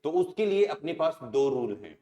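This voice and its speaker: A man's voice: on the high side, big pitch swings, moderate pace, mellow, echoey room, lo-fi sound. A man with an Indian accent teaching a language class. He keeps asking the students questions and answering them himself. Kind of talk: classroom lesson.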